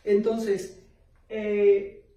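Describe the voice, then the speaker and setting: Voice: medium pitch, completely flat delivery, drawn-out words, warm tone. A course instructor giving an online video lesson step by step, with many filler words and words restarted mid-sentence. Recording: roomy echo, voice distant from the mic.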